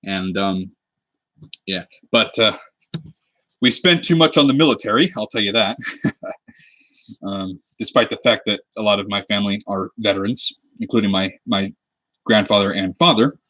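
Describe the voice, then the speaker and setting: A man's voice: fairly low pitch, normal speed, pauses often, sharp tone, no echo. A man in his twenties from the US Pacific Northwest, chatting casually on a livestream while crafting a cosplay prop, rambling and easygoing, picked up by a webcam mic at his desk. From United States (Pacific Northwest). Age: 20s. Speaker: cosplay prop maker streaming live. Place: indoors at a desk at home under a lamp.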